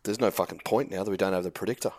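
A man's voice: low-pitched, racing, a little mellow. A man bantering casually as a podcast co-host, with some swearing. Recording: very noisy background.

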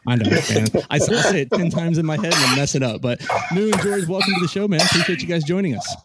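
A man's voice: fairly high pitch, expressive, fast, heavy background noise. A man hosting a podcast, chatting casually with guests in a loose, rambling way full of ums and restarts. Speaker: podcast host. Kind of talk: casual interview chat.

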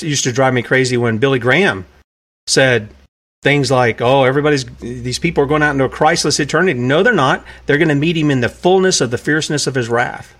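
A man's voice: a little high, a bit bright. Earnest, emphatic male preacher. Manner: earnest and emphatic, pressing his points hard; repeats key phrases for weight. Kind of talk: sermon-style podcast talk.

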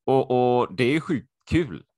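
A man co-hosting a podcast over a video call, excitable and chatty, repeating himself with lots of fillers. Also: medium pitch, no echo, clean studio sound. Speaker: podcast co-host.

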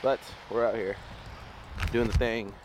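Walking down a city street, a vlogger talks to the camera in a lowish, steady, slightly slow voice that is starting to give out. His casual, upbeat motivational talk rambles, and the outdoor recording is noisy.

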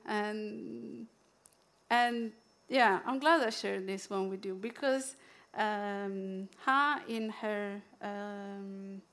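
A woman with an Italian accent who talks through books she loves, reads a poem aloud, and pauses often with fillers and restarts. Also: medium pitch, fairly bright tone. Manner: halting, many fillers and restarts. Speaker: book presenter. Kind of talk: casual book sharing with a poetry reading.

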